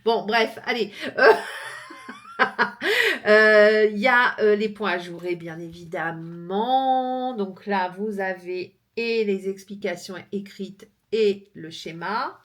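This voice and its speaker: A woman from France hosts a crochet vlog in a relaxed, chatty way. She fills her pauses freely and breaks into laughter easily. Her voice sits at a middle pitch for a woman. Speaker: crochet vlogger. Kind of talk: casual chat showing books.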